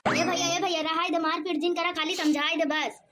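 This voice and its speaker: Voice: extremely high pitch, little pitch movement, brisk, bright, forceful tone, a little hiss or hum. A performer voicing a meek young daughter-in-law in a cartoon comedy, pleading in an Awadhi accent. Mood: anxious. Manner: pleading, tearful.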